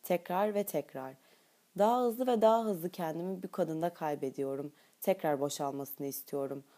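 A woman narrating an audiobook in first person with a steady, intimate reading. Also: sits low, normal speed.

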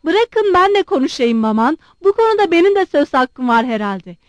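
A proud, blunt young woman fires off pointed questions in a high, bright, lively voice, voiced by a woman reading a story. The sound is dry and close. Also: no echo. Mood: sharp demanding. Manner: sharp, demanding, quick questioning.

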